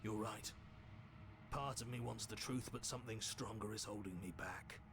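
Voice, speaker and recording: An actor voicing the worried, pleading inner voice of a hero in a video game. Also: male voice, lowish voice, moderate pace, background noise, natural voice. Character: anxious male inner voice of the hero.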